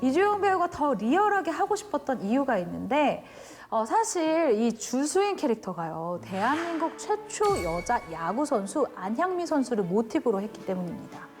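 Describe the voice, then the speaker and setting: A woman co-hosting a film talk show, chatting about movies in a lively, playful way. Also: high-pitched, normal speed, music in the background. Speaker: co-host, film reporter.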